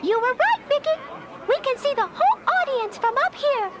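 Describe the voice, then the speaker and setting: A woman voicing a tiny, sweet, worried female cartoon mouse, squeaky and girlish, in a storybook read-along. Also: normal speed. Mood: concerned. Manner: animated, girlish. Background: music, crowd.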